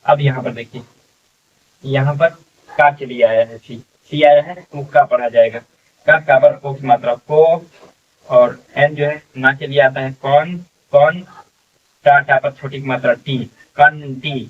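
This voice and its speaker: A man teaches beginner phonics, stretching each word out slowly and saying it again and again, with a checking filler after almost every step. He sounds set back from the mic. The recording is dull and lo-fi. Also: medium pitch, fairly even intonation, recorded from a distance. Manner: slow, drawn-out sounding out of words, repeating each one. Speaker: English reading teacher.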